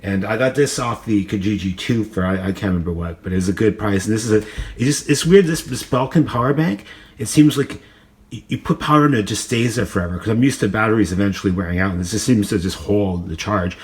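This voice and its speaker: Speaking quickly in a lowish voice, an amateur gadget reviewer gives a casual, off-the-cuff demonstration, thinking out loud and rambling hesitantly. He's indoors at a kitchen counter, captured by a phone camera held or set up close by.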